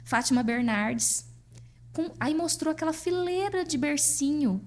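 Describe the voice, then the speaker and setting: A Brazilian woman, a podcast guest, telling a personal story in a lively way and acting out what people said. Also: sits high, unhurried. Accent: Brazilian Portuguese. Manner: lively, acts out dialogue in her stories. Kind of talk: personal storytelling in casual chat.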